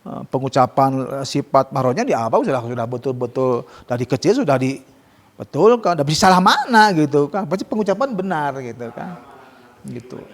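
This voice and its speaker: A man teaching Quran recitation rules to students, explaining casually and modelling slow, drawn-out recitation. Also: fairly high pitch, very animated, long reverb tail. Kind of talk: tajwid lesson with students.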